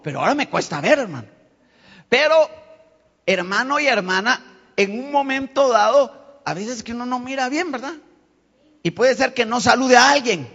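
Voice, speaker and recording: A man's voice: sits high, bright, forceful tone. A man preaching a sermon as pastor, calling his listeners brothers and sisters and rising to emphatic peaks. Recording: dull lo-fi live stream with long hall reverb.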